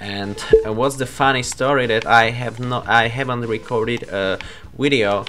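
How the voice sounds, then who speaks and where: Halting young man, slow-spoken. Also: medium pitch, fairly even intonation, bright, forceful tone, soft background music. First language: Slovak. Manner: halting, with frequent self-corrections. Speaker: YouTuber. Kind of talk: casual vlog talk.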